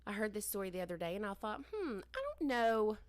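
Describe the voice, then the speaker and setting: A woman's voice: medium pitch, expressive, quick pace, no echo. A woman co-hosting a podcast, telling a story in a casual, rambling way that keeps doubling back on itself. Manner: rambling, self-interrupting, trails off. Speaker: podcast co-host. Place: basement room used as bar and storage.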